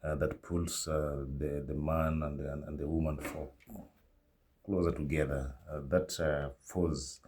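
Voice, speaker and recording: A man giving a reflective monologue, speaking slowly and haltingly with many fillers. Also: a bass voice, little pitch movement, a little mellow. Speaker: commentator.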